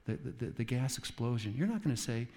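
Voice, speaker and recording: A man preaching a sermon at a mid pitch, animated and storytelling, with sudden high jumps whenever he acts out a quoted voice. His voice rings out with the long reverb of a church hall. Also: quick pace. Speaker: pastor.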